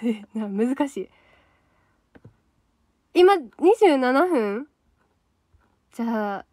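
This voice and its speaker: Chatting casually on her solo livestream, an idol trainee with a Kansai accent reads viewer comments and reacts out loud. Her young woman's voice sits high, and the recording has no room sound.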